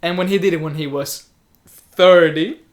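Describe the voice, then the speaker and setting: Young man, somewhat high voice, animated, chatty, casual film talk, mimics others. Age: young adult. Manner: chatty, animated, quick to imitate others' speech. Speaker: podcast co-host, film student.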